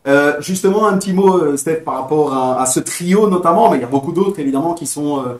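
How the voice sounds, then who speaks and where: A man's voice: on the high side, fairly quick, roomy sound. A man hosting a live football talk show, chatting and reading out viewer comments. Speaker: host.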